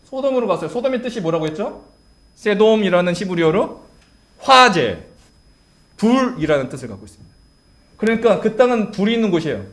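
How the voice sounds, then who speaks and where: A man's voice: sits high, sing-song, brisk, pauses often, fairly bright tone. A male pastor preaching a sermon, asking the congregation questions and answering them himself.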